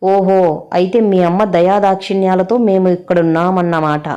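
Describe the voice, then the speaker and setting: A woman voicing a sarcastic, sharp-tongued middle-aged mother-in-law in a storybook drama. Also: lowish voice, moderate pace, lo-fi sound, lightly acted. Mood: mocking.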